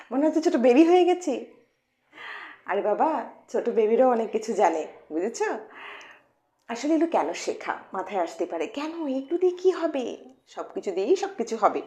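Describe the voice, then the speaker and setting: A woman teaching phonics to children, playful and coaxing, asking many questions and slowly repeating each sound. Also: high-pitched, darkish tone. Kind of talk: informal lesson to children.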